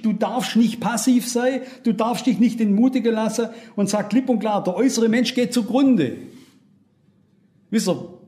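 A man's voice: sits high, darkish tone. A man preaching a sermon, earnest and emphatic, speaking straight to his listeners.

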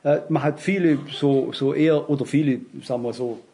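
A man's voice: medium pitch, steady tone, brisk, mellow. A man preaching at a Bible study, telling stories from his own life and speaking straight to his listeners. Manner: earnest, anecdotal, addresses listeners directly. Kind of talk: sermon.

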